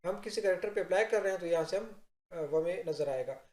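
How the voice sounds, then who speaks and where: A man giving a software tutorial, explaining step by step and addressing viewers directly in an instructional narration. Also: high-pitched, quick pace. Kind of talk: instructional screen-recording narration. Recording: roomy, echoing voice-over.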